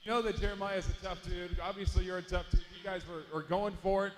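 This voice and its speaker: A man announcing a fight result in the cage with a high, booming voice. He stretches out the names for effect, then switches to interview questions. The arena audio is noisy. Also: steady tone, fast talker, echoey room.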